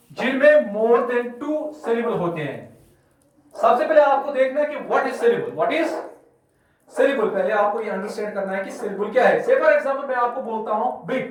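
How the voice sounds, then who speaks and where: A male teacher from Kashmir explaining grammar to his class slowly, repeating examples and spelling words out letter by letter. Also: extremely high pitch. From Kashmir, India. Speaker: school English teacher. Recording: echoey room, mic far off.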